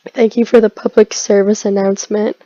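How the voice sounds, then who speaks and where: A woman's voice: mid-range voice, level tone, fairly quick, mellow, no echo, muffled recording. A young woman reads bad fan fiction aloud for comedy, breaking off into sarcastic, exasperated commentary with frequent sighs. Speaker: YouTube host reading fan fiction aloud. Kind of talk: comedic dramatic reading with commentary.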